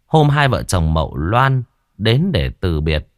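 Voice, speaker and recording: A man narrating a ghost story audiobook in an expressive, dramatic manner. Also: deep voice, takes it slowly, dry recording, clean studio sound.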